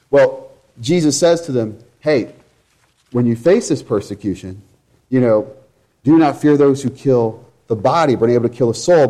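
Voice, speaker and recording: A man preaching a sermon in a church, his voice set in a middle pitch. He talks in earnest, emphatic runs of repeated phrases. He swings between loud, ringing proclamation and low, quiet reflection.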